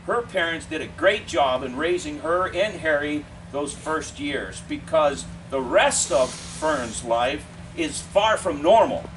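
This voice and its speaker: A man preaching a funeral eulogy in measured, deliberate short phrases with pauses. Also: a little high. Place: funeral service, speaker away from the mic. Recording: distant mic, clear steady air-conditioning noise.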